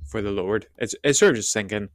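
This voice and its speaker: A man who preaches, talking things over on a podcast in a reflective, hedging way with a croaky voice. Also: lowish voice, quick pace, no room sound. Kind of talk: podcast discussion.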